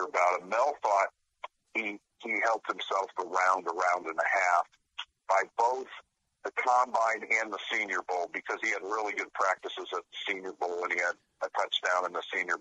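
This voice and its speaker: Husky-voiced man, bright and forceful. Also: low voice, moderate pace, low-quality recording. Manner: earnest, detailed analysis. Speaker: guest sports reporter. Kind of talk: radio interview.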